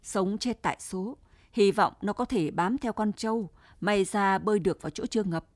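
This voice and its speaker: A woman's voice: mid-range voice, normal speed, no echo, close to an everyday voice. Woman voicing a resigned old farmer. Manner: calm, resigned.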